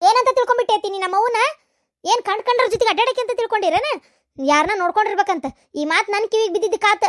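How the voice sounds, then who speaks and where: A woman's voice: very high voice, fast talker, a bit bright, no echo, clean studio sound. A woman voicing an indignant young woman in a cartoon who scolds an elder, with a North Karnataka Kannada accent. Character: young woman hotly defending her mother. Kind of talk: cartoon voice acting.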